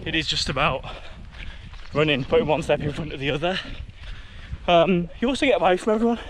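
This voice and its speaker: A man's voice: fairly high pitch, fairly quick, noisy background. A man talking casually to camera while out running a trail, audibly out of breath. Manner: chatty, talking mid-run. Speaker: running vlogger. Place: outdoors on a trail.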